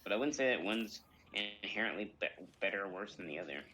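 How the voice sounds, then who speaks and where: A man in casual gaming chat, calmly arguing back in full sentences. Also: on the low side, fast talker. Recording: noisy line with clicks.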